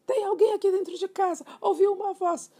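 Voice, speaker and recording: A woman voicing a frantic middle-aged mother who shrieks in a shrill voice. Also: steady tone, brisk, warm tone. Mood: panicked.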